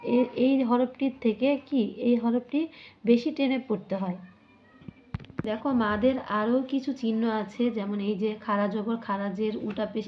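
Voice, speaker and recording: Woman teacher, slightly high voice, asks and answers her own questions, dull lo-fi recording. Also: slight background noise. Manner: asks questions and answers them herself, drawing out sounds. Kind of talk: classroom lesson explaining a textbook. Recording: muffled lo-fi recording.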